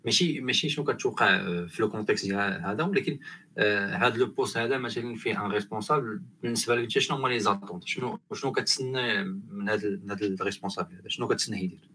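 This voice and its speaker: A man's voice: fairly low pitch, very fast, bright, forceful tone, a little hiss or hum, rough recording. A man with a Moroccan accent hosting a panel discussion, asking roundabout questions that he rephrases, with French terms mixed in. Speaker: discussion host.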